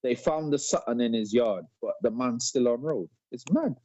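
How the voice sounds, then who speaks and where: A man's voice: medium pitch, normal speed, mellow, a little hiss or hum. A man telling a story in street slang on a live-stream debate, repeating words as he goes. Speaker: panel guest. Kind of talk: casual debate chat. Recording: dull lo-fi live stream audio.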